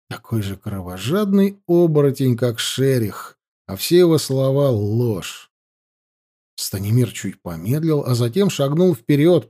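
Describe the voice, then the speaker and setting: Brief: male audiobook narrator, lively and expressive, warm and dark. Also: on the high side. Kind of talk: scripted narration.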